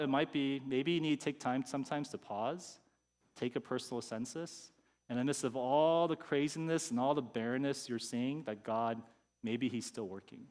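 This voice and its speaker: A pastor giving a conversational sermon, sometimes acting out people's inner thoughts. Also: male voice, mid-range voice, a little mellow, long reverb tail. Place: church sanctuary.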